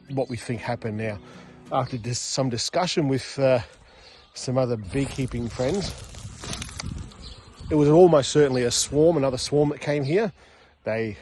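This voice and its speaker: Holding a phone camera at arm's length, a middle-aged hobby beekeeper vlogs casually, plainly describing what he's doing. He stands outdoors among buzzing beehives in a rural yard, speaking at medium pitch with a dark tone.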